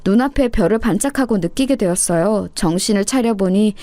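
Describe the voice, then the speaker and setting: A woman's voice: medium pitch, fairly quick, dark tone, no room sound. A woman narrating a scripted first-person family story in a bitter, aggrieved tone.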